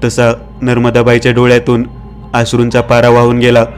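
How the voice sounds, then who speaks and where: A man narrating a horror story in a steady, even-toned scripted reading. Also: mid-range voice, normal speed.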